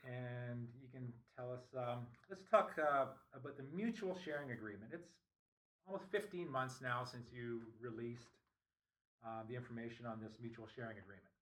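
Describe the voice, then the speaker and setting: Brief: male interviewer, rambling questions with lots of fillers, sharp bright tone, sitting back from the mic. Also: medium pitch. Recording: voice distant from the mic.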